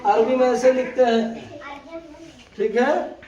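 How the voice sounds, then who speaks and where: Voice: medium pitch, slow. Teacher quizzing students over and over, patient, kinda far from the mic, dull lo-fi sound. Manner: patient, repeats questions and answers to check understanding. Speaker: Urdu teacher. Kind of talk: classroom lesson with question-and-answer drills. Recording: roomy, distant, dull lo-fi recording with loud noise.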